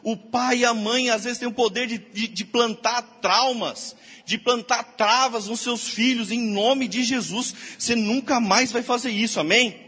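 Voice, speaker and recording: A male pastor, preaching a lively sermon and acting out quotes of the people he talks about. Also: very high-pitched, measured pace, husky. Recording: long hall reverb.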